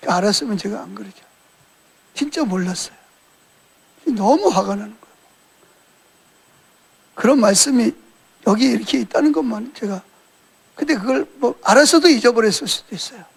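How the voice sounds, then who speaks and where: High, gravelly-voiced male preacher. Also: moderate pace, pauses often. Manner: colloquial storytelling, animated retelling with quoted dialogue. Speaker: pastor. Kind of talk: sermon.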